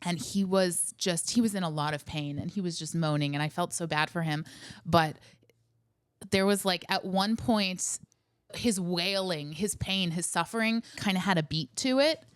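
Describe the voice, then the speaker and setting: A woman's voice: fairly low pitch, moderate pace, clean tone, dry recording, studio quality. Wry woman podcast co-host. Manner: wry, animated storytelling. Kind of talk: storytelling podcast chat.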